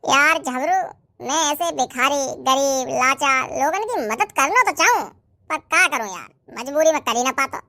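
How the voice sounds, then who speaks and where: A woman voicing a cheeky, quick-tempered young village boy in a cartoon. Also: high voice, expressive, bright, forceful tone, dry recording, clean studio sound.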